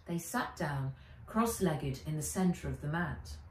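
A middle-aged British author reads her storybook to children indoors, in a bright room beside garden windows. Her voice sits low with a darkish tone and lively intonation, and she takes it slowly. The recording is roomy and a little distant from the mic, with slight background noise.

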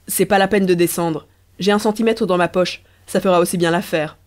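A woman's voice: on the low side, steady tone, brisk, lightly acted. Woman reading as a stubborn self-satisfied concierge. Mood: insistent. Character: stubborn, proud male building concierge.

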